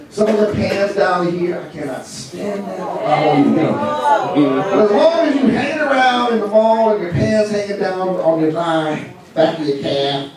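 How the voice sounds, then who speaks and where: Animated high-voiced preacher in echoey church. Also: male voice. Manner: animated, mocking, laughing asides. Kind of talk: sermon. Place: church sanctuary. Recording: echoey church from far off with congregation.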